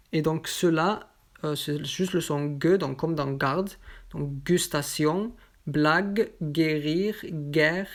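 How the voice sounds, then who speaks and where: A woman gives a pronunciation lesson, stating example words one by one with deliberate care. Her voice sits low, and she takes her time, pausing between each word. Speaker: French teacher.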